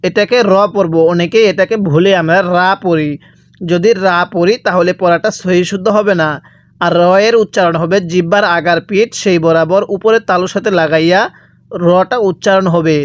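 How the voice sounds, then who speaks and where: A man's voice: sits high, steady tone, moderate pace, no echo, dull audio. Patient man teaching letter sounds, dry. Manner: patient, repeats each letter and asks the viewer back. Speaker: Quran reading teacher. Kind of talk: step-by-step recitation lesson.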